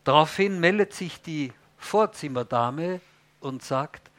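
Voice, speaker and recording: A man's voice: fairly high pitch, animated, slow pace, a bit bright. A man preaching a sermon in an emphatic way, often putting questions to the congregation.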